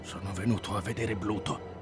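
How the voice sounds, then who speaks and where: An actor dubbing a shifty, evasive London informant in a game, with a gravelly voice. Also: male voice, sits low, steady tone, moderate pace, over music, close to an everyday voice. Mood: hushed. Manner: defensive, then a hushed storyteller. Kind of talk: Italian game dub.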